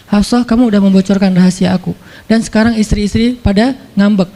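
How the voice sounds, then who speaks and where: A man voicing a calm, apologetic husband in a retold story during a sermon. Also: sits high, brisk, long reverb tail. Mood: earnest. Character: gentle apologetic husband, soft-spoken.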